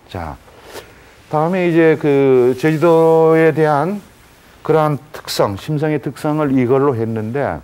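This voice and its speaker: A man's voice: lowish voice, darkish tone. A man lecturing to an audience, explaining terms step by step and often saying "ye" between phrases. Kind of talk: academic lecture.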